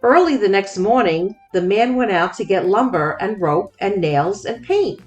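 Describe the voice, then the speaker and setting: A woman narrating a children's storybook expressively, with deliberate, dramatic phrasing. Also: medium pitch, animated, lo-fi sound, faint music behind. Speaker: children's book read-aloud host.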